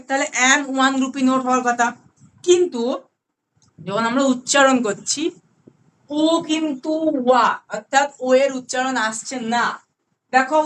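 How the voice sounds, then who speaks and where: A woman with a Bengali accent teaching an online grammar class, explaining patiently, repeating key words slowly and checking that students follow. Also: sits high, fairly bright tone. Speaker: English grammar tutor.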